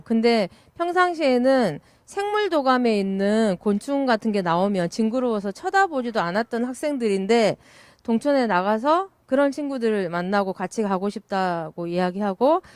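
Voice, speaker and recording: Middle-aged woman, smooth voice, dry close sound, reflective event speech with fillers. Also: fairly high pitch, dry recording. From South Korea. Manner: warm and reflective, with many "uh" fillers. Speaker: village education researcher.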